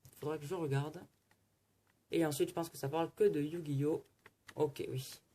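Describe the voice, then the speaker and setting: A man's voice: fairly high pitch, fairly even intonation, moderate pace, mellow. A man casually narrating as he opens card packs and flips through magazines, keeping up a chatty running commentary. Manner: chatty running commentary while flipping pages. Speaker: card-opening vlogger. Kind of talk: casual unboxing chat.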